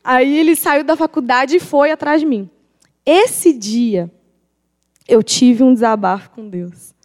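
A woman's voice: high-pitched, takes it slowly, a little mellow. A young woman gives a personal faith testimony. She is emphatic and confessional and repeats phrases for weight. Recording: long hall reverb.

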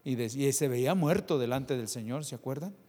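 A male preacher speaking at an ordinary middle pitch, delivering a sermon in a hall with a long, trailing reverb. He keeps asking his congregation rhetorical questions. His volume swings between quiet, low stretches and loud, raised ones. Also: brisk.

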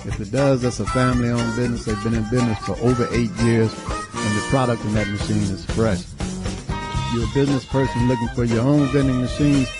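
Man, radio ad read, steady and precise, music behind. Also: medium pitch, a little fast. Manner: steady, precise, self-correcting. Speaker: co-host. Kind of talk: reading ads on air.

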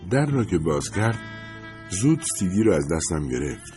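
A man narrating a first-person story as an audiobook in a measured, quiet manner. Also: low-pitched, sing-song, music in the background.

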